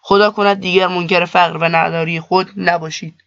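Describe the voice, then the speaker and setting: A man's voice: high-pitched, flat delivery, vocal fry, fairly bright tone, dry recording. A man voicing a cold, stern male cloth merchant in a storybook reading, speaking curtly and dismissively. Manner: curt, irritated, dismissive. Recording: dull lo-fi dry recording.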